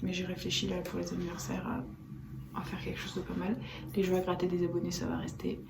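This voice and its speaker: A woman vlogger chatting casually to camera from her bedroom, soft-spoken and rambling, repeating herself. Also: on the low side, monotone, fairly quick, gravelly. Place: bedroom at home, indoors. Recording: echoey room with background noise.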